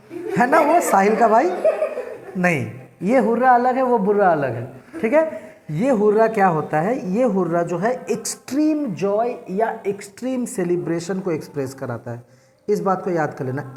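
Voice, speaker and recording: A man's voice: high voice, darkish tone. Guy teacher explaining english words, keeps asking if you got it. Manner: keeps checking if students understood. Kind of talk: classroom lecture.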